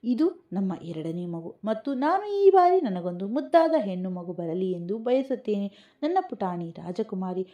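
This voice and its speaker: A woman's voice: medium pitch, sing-song, measured pace, warm tone, highs cut off. A woman voicing a loving, emotional young husband and father in a storybook tale, speaking tenderly and eagerly.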